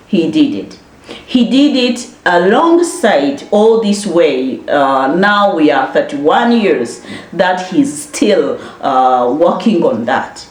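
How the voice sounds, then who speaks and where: A woman from Rwanda speaking directly to viewers, halting with frequent filler pauses. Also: low voice, darkish tone, reverberant. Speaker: commentator addressing viewers. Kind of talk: direct-to-camera personal address.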